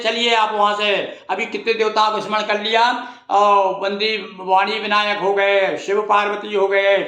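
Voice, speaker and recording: High-voiced man explaining scripture conversationally. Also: a bit bright, roomy sound. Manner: conversational, explains verses in plain words, addresses listeners as bhaiya; chants verse lines slowly. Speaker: Ramayana storyteller. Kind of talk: devotional discourse.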